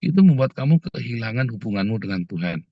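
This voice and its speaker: A man preaching a casual, animated sermon, often calling his listeners "saudara" and slipping into quoted voices. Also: medium pitch, fast, dry recording. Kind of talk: conversational sermon. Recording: dull muffled dry sound.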